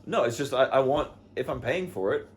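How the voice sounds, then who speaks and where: A man hosting a casual comedy chat with an Australian accent, telling stories in a deadpan way and mimicking other people's voices. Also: medium pitch, fairly quick. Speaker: podcast host.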